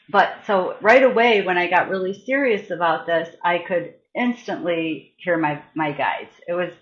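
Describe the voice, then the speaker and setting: A woman healer and massage therapist speaks in a chatty, halting way, full of fillers and restarts. She sits at a middle pitch, telling stories and guiding a meditation. The sound is dull and lo-fi. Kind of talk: casual live-stream storytelling and guided meditation.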